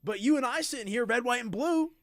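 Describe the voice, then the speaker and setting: A man hosting a sports talk radio show, debating with animated asides and throwing to a break. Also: very high-pitched, fast talker, no room sound, clean studio sound. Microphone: studio microphone.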